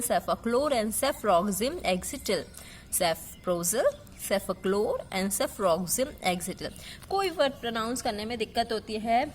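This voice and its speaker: A woman teaching pharmacy in Hindi who explains memory tricks, repeats drug names slowly and keeps checking in with her students. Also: on the high side, slight background noise. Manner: checks in with the listener, often asking "ठीक है"; affectionate, calls the student "बेटा".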